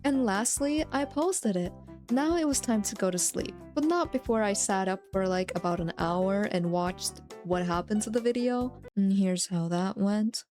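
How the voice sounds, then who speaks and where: A woman narrating her vlog from a script in a playful, self-mocking way, on a crisp new microphone. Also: mid-range voice, normal speed, a little mellow. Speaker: VTuber content creator. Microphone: new studio microphone. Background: background music.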